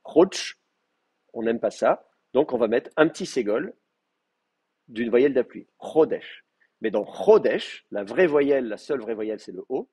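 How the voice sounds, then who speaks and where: A man's voice: mid-range voice, expressive, normal speed, darkish tone, breathy edge. A male teacher giving a live class, explaining step by step with many fillers and checking that students follow.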